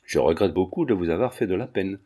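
A man's voice: deep voice, expressive, quick pace, warm tone, breathy edge, pitched below the performer's own voice. Man reading as a mysterious foreign countess.

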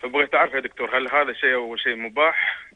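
A man's voice: mid-range voice, steady tone, very fast, bright, forceful tone. A man with a Gulf accent asking a question as a caller on a phone line. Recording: tinny narrow phone line.

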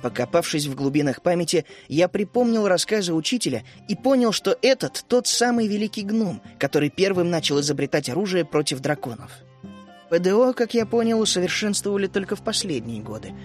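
A man reading a children's fantasy audiobook aloud as an expressive first-person narrator, in a studio. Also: high-pitched, a little fast, faint music behind. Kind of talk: scripted narration.

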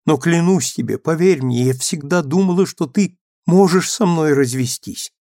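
A man's voice: fairly high pitch, moderate pace, darkish tone, no echo, clean studio sound, pitched above the performer's own voice, lightly acted. A man reading as a meek, remorseful young woman. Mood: pleading. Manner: pleading, trembling. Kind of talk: audiobook character reading.

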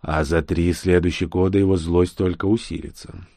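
A man's voice: low voice, steady tone, moderate pace, warm tone, no room sound, clean studio sound. A man voicing a loyal, respectful old servant in an audiobook, explaining patiently to his young master.

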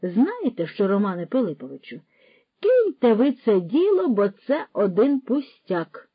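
A woman's voice: a little high, wildly swooping pitch, measured pace, husky, no echo, narrow, tinny audio, heavily acted. A woman voicing a stubborn older male village shopkeeper who speaks curtly and dismissively, in a storybook reading. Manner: curt, dismissive, mixes in Russian words.

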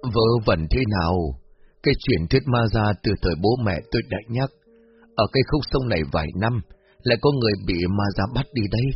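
A man voicing a frail, superstitious old grandmother in a spoken story, who talks in a weak, breathy way and scolds. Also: fairly low pitch, fairly quick. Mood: insistent. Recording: muffled lo-fi with faint music.

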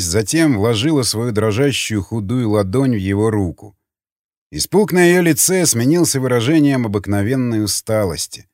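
A man reading an audiobook in steady, even scripted narration. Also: mid-range voice, no echo, studio quality.

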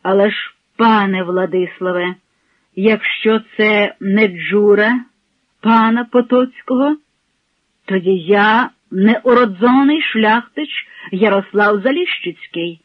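A man voicing a proud, courteous nobleman who speaks formally and deliberately. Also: high voice, no echo, lo-fi sound.

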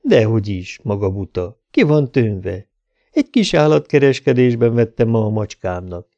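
A man voicing an affected, flirtatious woman at a bar who talks in a slow drawl. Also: on the low side, very animated, mellow, muffled recording. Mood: coaxing.

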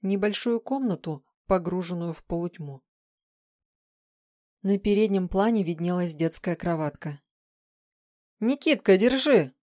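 A woman reading an audiobook as narrator, in a steady, even storytelling manner. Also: on the low side, normal speed, no room sound, clean studio sound. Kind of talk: scripted narration.

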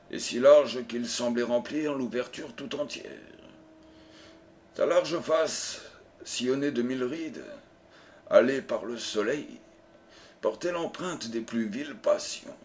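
A man narrating an audiobook in a measured, steady storytelling voice. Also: mid-range voice, slight background noise. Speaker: audiobook reader. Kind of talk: scripted narration.

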